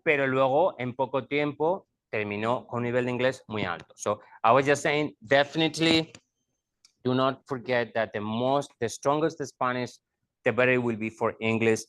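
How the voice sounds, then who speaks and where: A middle-aged man, a school leader, explaining things to parents and repeating his points in two languages. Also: mid-range voice. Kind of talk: bilingual presentation to parents.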